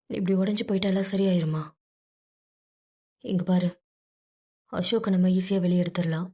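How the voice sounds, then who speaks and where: A woman voicing a firm, steady male friend. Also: medium pitch, natural voice. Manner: firm, consoling.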